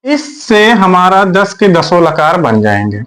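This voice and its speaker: Male tutor, unhurried delivery, repeats drills, keeps clearing his throat. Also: high-pitched, fairly bright tone. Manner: repetitive, drills syllables aloud. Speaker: teacher. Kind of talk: exam-prep grammar lesson.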